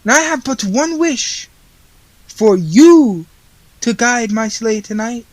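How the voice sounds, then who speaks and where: A performer playing a merry, stately Santa Claus in a mock-Shakespearean radio play, declaiming slowly and theatrically. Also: medium pitch, animated, no room sound. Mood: solemn, urging. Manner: slow, declamatory, theatrical delivery.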